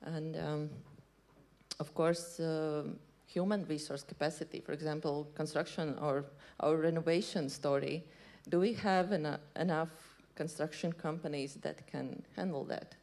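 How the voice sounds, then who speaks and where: Low, gravelly woman on a panel. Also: steady tone, a little mellow. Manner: halting, many fillers and restarts. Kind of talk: panel discussion answer. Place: stage in a large hall. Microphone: handheld mic.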